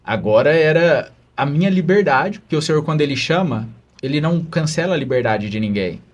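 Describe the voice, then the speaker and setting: A man's voice: a little high, lively intonation, brisk. A man, a religious brother, telling an earnest, emotional story of his calling in a podcast interview.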